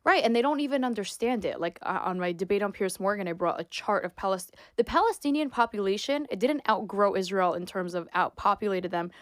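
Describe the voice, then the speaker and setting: A woman's voice: medium pitch, brisk, few pauses, dry recording. Emphatic young woman, dry close sound. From New York. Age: 20s. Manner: emphatic, opinionated, frequent "like" fillers. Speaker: guest, sports reporter and influencer. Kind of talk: casual interview talk.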